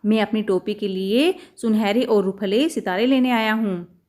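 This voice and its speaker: A woman voicing a cheeky, stubborn little male mouse in a children's storybook reading, making loud demands and chanting singsong threats. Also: medium pitch, moderate pace, close to an everyday voice. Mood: polite.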